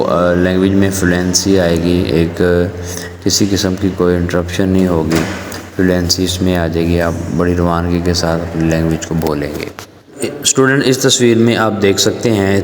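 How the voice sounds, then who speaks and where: A man's voice: low voice, a little mellow, a little hiss or hum. A male English teacher explaining the meaning of each word in short dialogues and then reading them aloud with rhythm. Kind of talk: language lesson explaining dialogues. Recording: echoey room with long reverb, faint ambience.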